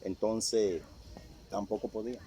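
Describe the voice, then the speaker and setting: Older man telling a halting story. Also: on the low side, steady tone, warm tone, slight background noise. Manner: halting, repeats phrases as he recalls. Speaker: interviewee sharing a testimony. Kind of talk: casual storytelling.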